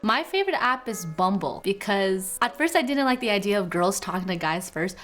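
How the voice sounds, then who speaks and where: A woman's voice: mid-range voice, animated, fairly quick, fairly bright tone. A young woman casually recounting her dating app experience to camera, giggling often as she talks. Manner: giggly, laughs often mid-sentence. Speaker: guest trying dating apps. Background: background music.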